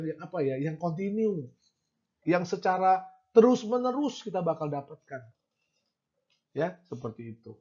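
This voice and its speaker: A man's voice: high voice, a little mellow, husky. A man giving an informal devotional talk, addressing listeners directly and acting out little quoted remarks. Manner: conversational, addresses audience directly, acts out quotes. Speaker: preacher. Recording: dull lo-fi sound.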